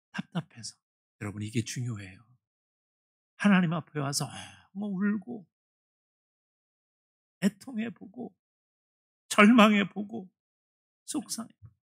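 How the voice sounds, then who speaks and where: A male pastor preaches with lively, sweeping swings in pitch. His husky voice has a gravelly texture, and he tells the story with strong emotion. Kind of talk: sermon. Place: church sanctuary.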